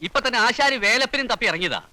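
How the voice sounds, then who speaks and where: A carefree, bragging brother-in-law who loves to tell tales. His voice is high and bright, and it swoops up and down as he chatters on playfully. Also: big pitch swings, very fast, a little hiss or hum, full character voice, poor audio. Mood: teasing. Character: boastful, easygoing brother-in-law who likes a drink. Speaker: brother-in-law, boat race team captain. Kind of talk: film comedy acting.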